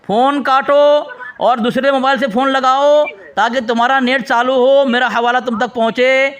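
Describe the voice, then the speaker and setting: A man's voice: extremely high pitch, steady tone, moderate pace, fairly bright tone, smooth. A man in a heated religious debate over the phone, repeating his demands insistently and scolding the other side.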